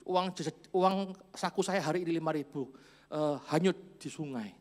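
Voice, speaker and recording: A man's voice: on the high side, normal speed, darkish tone, lightly acted. A man voicing a crying little boy who lost his pocket money, whiny and sobbing.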